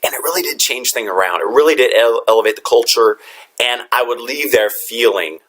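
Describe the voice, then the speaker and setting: A man's voice: medium pitch, brisk. A man who is a teacher, giving a motivational talk to fellow educators in an earnest storytelling manner. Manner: earnest storytelling with lively quoted dialogue.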